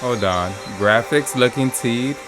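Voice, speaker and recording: A man with a medium-pitched voice reacts live while streaming game trailers, talking slowly in a casual, slangy, exclamatory way. Game trailer music plays behind his voice.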